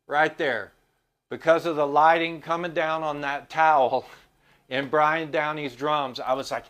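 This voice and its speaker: Chatty, excited man, slightly high voice. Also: a little slow. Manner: enthusiastic, chatty, acts out quotes. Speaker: music vlogger. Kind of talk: casual storytelling about a record.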